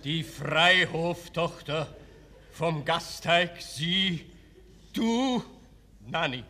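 A man's voice: high voice, lively intonation, extremely slow, gravelly, sharp tone, voice pushed up, heavily acted. A man voicing a proud aristocratic count in a melodrama, with stiff, haughty declamation. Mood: choked, stunned. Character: proud, cold aristocratic count, shaken by guilt. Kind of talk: melodramatic stage reading.

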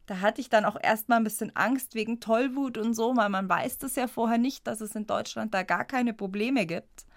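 Slightly high-voiced and speaking at normal speed with hardly any pauses, this squirrel rescuer from near Munich, Germany chats through her story as a radio interview guest, laughing frequently. The studio-quality recording has no echo.

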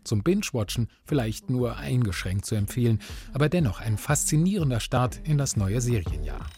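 A man's voice: medium pitch, big pitch swings, normal speed, mellow. A man with a standard German accent narrating a scripted radio review as a reporter. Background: faint music.

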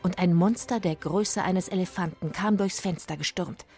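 A woman reading a children's story aloud, expressive and sometimes hushed. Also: on the low side, moderate pace, faint music behind.

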